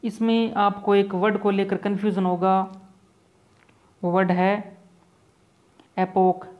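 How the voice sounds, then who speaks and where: Slow, flat-voiced male vocabulary teacher. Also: sits high, dull audio. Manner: slow, repetitive explaining, mixing English terms into Hindi. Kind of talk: exam-prep vocabulary lesson.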